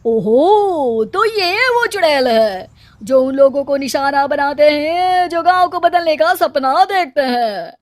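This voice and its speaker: An ominous cartoon holy man performed by a woman gives dire warnings. The voice is high and dramatic, with an accusing edge. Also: animated, slow.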